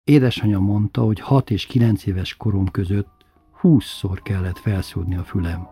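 A man reading a childhood memoir aloud as narrator, in a subdued, intimate storytelling manner with a husky voice. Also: fairly low pitch, steady tone, mellow, no echo, studio quality, soft background music.

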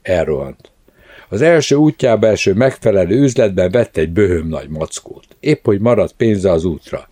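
A man calmly reading a novel aloud as narrator. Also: deep voice, dry recording, studio quality. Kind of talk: scripted audiobook narration.

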